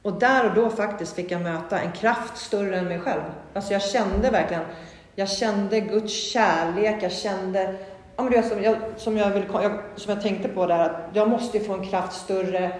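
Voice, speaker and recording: A woman giving a candid, earnest personal testimony, rambling with many fillers and restarts. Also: darkish tone. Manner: candid and earnest, with sudden rises in pitch. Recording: very echoey hall with long reverb.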